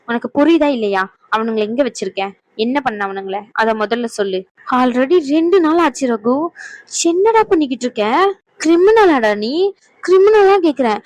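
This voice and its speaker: A woman's voice: a little high, no room sound, close to an everyday voice, low-quality recording. A woman voicing a worried, reproachful young woman in a cartoon who lectures and scolds her friend. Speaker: voice actor. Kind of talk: cartoon dub acting.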